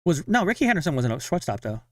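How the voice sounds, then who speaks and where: A man's voice: a little high, big pitch swings, no room sound, studio quality. A young man chatting casually on a live stream while following a game, talking to himself and his viewers. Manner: chatty, self-talking, sighs of frustration and quick laughs.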